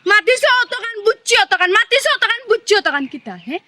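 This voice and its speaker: A woman's voice: extremely high pitch, expressive, pushed and bright, no echo, heavily acted. An actress with a Sylheti accent playing a stubborn young wife who scolds and nags her husband in a comic regional drama. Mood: scolding. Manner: scolding, nagging, rapid-fire.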